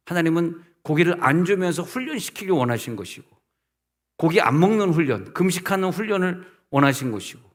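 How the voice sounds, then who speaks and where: A middle-aged male pastor delivers a sermon with a slightly high voice. He talks to the congregation as if in conversation, fires rhetorical questions at them, and slips into the voices of the people he quotes. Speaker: senior pastor.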